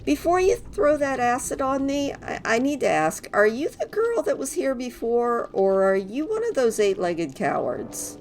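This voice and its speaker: Woman playing a cheeky male dwarf adventurer, theatrical, chipper, pitched up, game quest dialogue, background noise. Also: sing-song, unhurried, hardly any pauses. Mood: blustering, relieved. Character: jaunty, blustering little male dwarf adventurer, grateful and cheeky.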